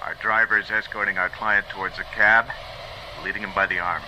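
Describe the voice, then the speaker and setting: A watchful agent reporting step by step over a two-way radio. His lowish voice is piercingly sharp and terse, through a dull, narrow signal, in a spy drama. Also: steady tone, a little fast. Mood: tense, watchful. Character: watchful surveillance agent giving radio running commentary. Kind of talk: screen drama acting, running commentary. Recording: muffled band-limited radio, faint noise.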